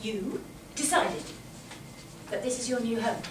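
A woman's voice: a little high, measured pace, close to an everyday voice. A woman playing an awkward, patient, anxious grown daughter, hesitant and stammering in a staged play reading. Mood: gentle, hesitant. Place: small indoor stage. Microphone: far camera. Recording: echoey small theatre, distant mic, noisy.

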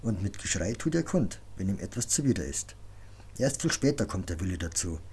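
A man reading an audiobook voices a calm, commanding grown woman who speaks softly but firmly, as if teaching. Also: low voice, fairly quick, husky, heavily acted. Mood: instructive. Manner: soft, firm, instructive.

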